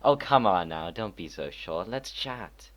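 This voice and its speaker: Commanding game ruler, deep, smooth, a little condescending , played by a man. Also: expressive, measured pace. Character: smooth, commanding male ruler, welcoming but probing.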